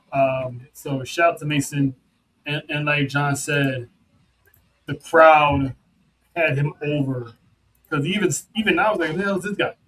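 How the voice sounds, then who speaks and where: A man co-hosts a relaxed podcast, chatting casually. His voice sits a bit high for a man and jumps around with animated energy, often doubling up his words. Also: breathy edge, rough recording. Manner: animated, repeats words, laughs. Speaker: podcast co-host. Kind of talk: casual chat. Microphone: remote call setup.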